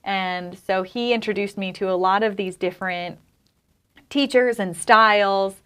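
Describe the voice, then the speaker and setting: A woman talks about her training as an interview guest. Her delivery is thoughtful and measured, and her voice sits in a middle register. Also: mid-range voice, a bit bright, clean tone. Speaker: interview guest, stage actor and costumer. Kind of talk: casual interview chat.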